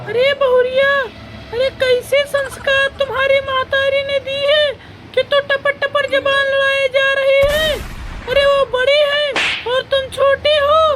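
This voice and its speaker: A woman's voice: extremely high pitch, flat delivery, a little slow. A woman voicing a nagging old cartoon mother-in-law. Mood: scolding. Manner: scolding, insulting, loud complaining. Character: nagging older mother-in-law, bossy, sharp-tongued. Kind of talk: cartoon voice acting. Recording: loud background noise.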